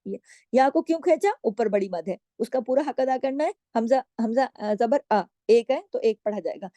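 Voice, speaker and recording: Lady tajweed teacher going letter by letter, patient, kinda high voice, warm and dry. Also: dry recording. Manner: patient, explains each letter, slowly draws out recited words. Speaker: Quran recitation teacher. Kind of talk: tajweed lesson.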